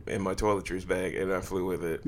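A man's voice: sits low, little pitch movement, brisk. A man who is a comedian guesting on a podcast, chatting casually with wry jokes. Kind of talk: casual joking chat.

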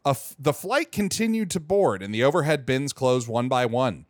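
Animated man reading a story aloud. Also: medium pitch, moderate pace, no room sound, studio quality. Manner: animated, shouts the quoted lines. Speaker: podcast co-host reading a story.

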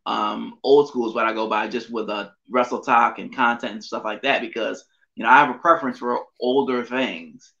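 Rambling middle-aged man, bright lo-fi voice. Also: medium pitch, steady tone, normal speed, gravelly. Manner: rambling, frequent fillers and self-corrections. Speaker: podcast guest. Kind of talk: casual interview chat. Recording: dull lo-fi audio.

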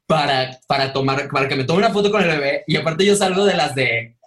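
A man with a Mexican accent chats on a podcast in a slightly high voice that leaps up and down as he tells a story. He talks in an exclamatory way, padding his lines with fillers. The delivery is casual and animated. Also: a little fast. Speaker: podcast co-host. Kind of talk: casual chat.

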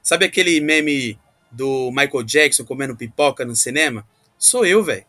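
A man's voice: medium pitch, lively intonation, moderate pace, sharp tone. A Brazilian man on a football podcast panel, talking in a casual, joking, slangy way.

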